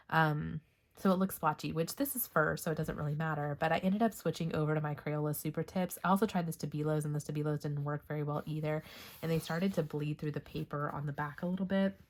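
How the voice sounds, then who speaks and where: Low-voiced Texan woman rambling casually. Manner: rambling, filler-heavy with frequent ums. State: recovering from illness, coughing. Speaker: coloring book vlogger. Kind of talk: casual show-and-tell chat.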